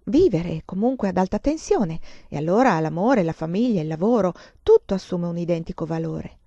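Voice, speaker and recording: A woman's voice: on the low side, animated, moderate pace, warm tone, no room sound, dull audio. A woman reading an earnest young student. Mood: reflective.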